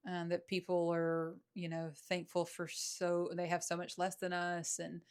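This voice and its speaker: A woman's voice: on the low side, monotone, a little slow, a little mellow, smooth. A woman with a Southern accent, a podcast guest, talking in a reflective, hesitant way with many fillers. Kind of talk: casual conversation.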